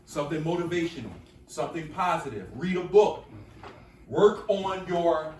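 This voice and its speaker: A man runs an energetic call-and-response lesson, throwing questions back at a class until they answer together. His voice sits fairly high for a man. He is picked up from a distance in a reverberant classroom, with a faint hiss underneath. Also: moderate pace. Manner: energetic, coaxing, repeats questions for the group to answer. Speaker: workshop speaker. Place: school classroom with students. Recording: echoey room from far off.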